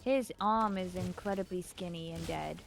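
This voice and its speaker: A woman with a speech impediment that softens her R's into W's, chatting casually on a game stream. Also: lowish voice, normal speed, creaky, faint music behind.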